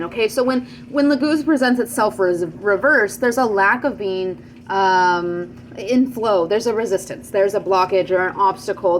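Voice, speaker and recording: A woman's voice: medium pitch, a little hiss or hum. A woman giving a casual channeled tarot reading to camera, chatty, with many fillers and frequent check-ins with her listeners. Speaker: tarot reader.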